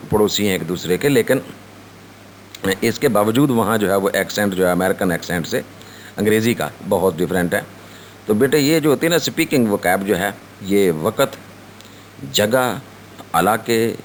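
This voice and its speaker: A man with a Pakistani accent giving a recorded college lecture to students. He speaks in a slow, halting way with many fillers, switching between Urdu and English. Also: low voice, a little hiss or hum. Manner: reads English definitions slowly, then explains them.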